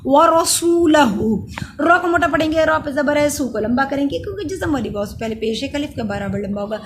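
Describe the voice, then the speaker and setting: A woman teaching Quran recitation rules step by step. She chants the verse words slowly and loudly, then explains each rule in a plainer, lower voice, and sometimes stops to correct herself. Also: animated, slight background noise. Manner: self-correcting, says sorry. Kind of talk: step-by-step tajweed lesson.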